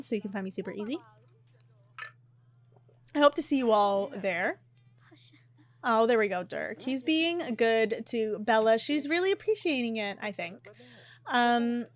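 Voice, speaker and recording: A gaming YouTuber chats casually over her gameplay, animated and talkative, often laughing and saying "um." Her voice is a little high and slightly hoarse.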